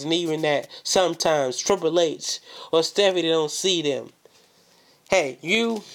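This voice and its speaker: A man's voice: fairly high pitch, a bit bright. A man delivering a wrestling promo, confrontational and boastful, repeating phrases for emphasis as he calls out an opponent.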